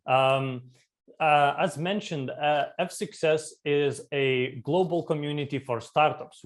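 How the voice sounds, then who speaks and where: A man from Lithuania giving an online conference talk as a startup community co-founder, with many fillers and restarts. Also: medium pitch. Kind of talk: conference talk over video. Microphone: remote video call.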